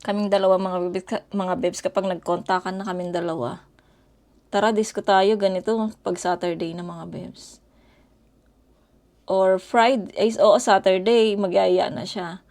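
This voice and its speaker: A woman's voice: medium pitch, fairly even intonation, a little slow, a little mellow. A middle-aged woman from the Philippines, chatting casually and rambling to her viewers as she tells stories at home. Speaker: vlogger. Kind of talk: casual storytelling chat to viewers. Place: home in Korea.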